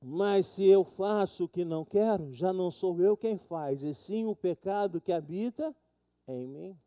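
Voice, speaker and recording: Brazilian guy preaching in church, kinda high voice, really dark mellow tone, acts out every quote big. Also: unhurried. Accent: Brazilian Portuguese. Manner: dramatic, acts out quoted people with big pitch swings. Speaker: pastor. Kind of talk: sermon. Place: church sanctuary.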